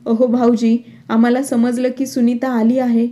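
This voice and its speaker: A woman's voice: on the high side, little pitch movement, moderate pace, warm tone, lightly acted. A woman voicing a blunt, combative middle-aged uncle in a storybook reading. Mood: indignant.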